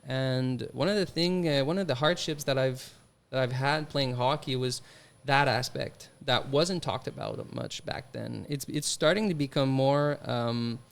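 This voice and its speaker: Speaking at a medium pitch, this Quebec-accented French Canadian man is expressive and unhurried, with a creaky voice and hardly any pauses. A hockey player, he responds to interview questions in a thoughtful way, often restarting and using fillers.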